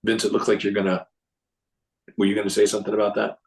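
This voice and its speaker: A man giving a casual, rambling recap of a symposium to a group, often clearing his throat and restarting sentences. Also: lowish voice, completely flat delivery, fast, darkish tone, low-quality recording. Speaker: presenter reporting on a symposium.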